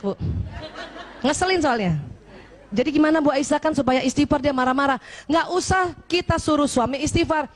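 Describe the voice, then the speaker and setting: A woman preacher from Indonesia with a high voice, talking to a gathering of women. She teases and jokes, and keeps asking her listeners questions to draw them in. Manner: lively and teasing, often asks the audience questions. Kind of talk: religious talk to a women's gathering.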